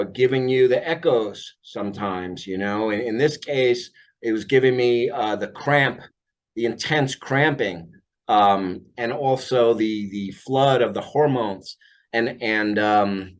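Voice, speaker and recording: A man working as an aura healer, telling about a client session in an unscripted monologue, halting with many fillers and restarts. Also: mid-range voice.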